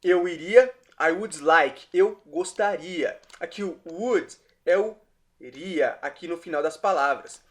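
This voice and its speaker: A man teaching an online language lesson, explaining phrases patiently and repeating them slowly word by word. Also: a little high, a bit bright. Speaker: English teacher.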